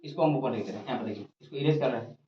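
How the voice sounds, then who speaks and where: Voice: mid-range voice, very fast, dark tone, a little hiss or hum. A teacher giving a grammar lesson at a board, repeating each point and asking and answering questions. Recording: roomy, dull lo-fi recording.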